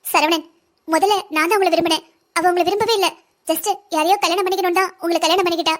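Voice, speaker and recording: A woman's voice: very high-pitched, fairly even intonation, fast. A woman voicing a scheming, manipulative young woman in a cartoon, wheedling and threatening by turns. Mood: pleading, threatening. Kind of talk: cartoon voice acting.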